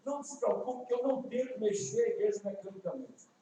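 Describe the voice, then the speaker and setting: Northeastern Brazilian preacher in echoey church. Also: male voice, sits high, dark tone, a little hiss or hum. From Ceará, Brazil. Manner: folksy, joking asides, then slow emphatic preaching. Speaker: guest preacher. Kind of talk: evangelistic sermon. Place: church sanctuary. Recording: echoey distant church livestream.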